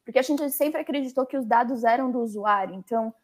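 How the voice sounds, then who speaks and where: A young adult woman with a Brazilian Portuguese accent, a guest talking in a lively, chatty way with many fillers in an interview. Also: a little high, fast. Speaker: legal coordinator, guest. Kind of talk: conversational interview.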